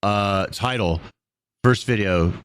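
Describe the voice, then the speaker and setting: A man's voice: fairly low pitch, a bit bright, clean tone, dry recording. A man streaming casually and directing an editor in a blunt, bossy, sweary way, drawing out his S sounds. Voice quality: drawn-out S sounds. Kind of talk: casual live-stream talk.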